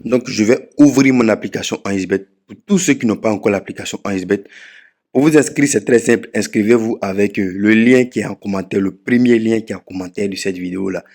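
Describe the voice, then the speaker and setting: Gravelly Ivorian man walking through steps. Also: fairly low pitch, a little fast, darkish tone. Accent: Ivorian French. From Ivory Coast. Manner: repetitive, step-by-step, repeats key phrases for emphasis. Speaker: betting tips YouTuber. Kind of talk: casual screen-walkthrough tutorial.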